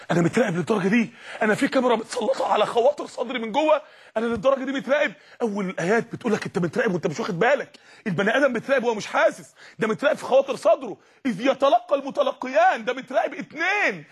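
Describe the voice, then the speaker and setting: Fervent high-voiced Egyptian preacher. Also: male voice, husky. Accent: Egyptian Arabic. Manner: fervent, pleading, bursts into shouting. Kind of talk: impassioned sermon.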